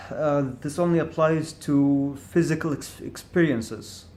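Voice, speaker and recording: Alone on camera for a reflective vlog, a man with a slightly high, darkish voice talks at a measured pace. Searching and hesitant, he thinks aloud, repeating syllables in a stutter and often starting over.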